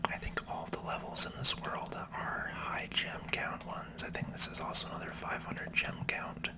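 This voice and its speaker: Someone plays a game while whispering easygoing, conversational ASMR commentary at close range to the mic. Their voice is a gentle, breathy whisper that turns creaky at the edges.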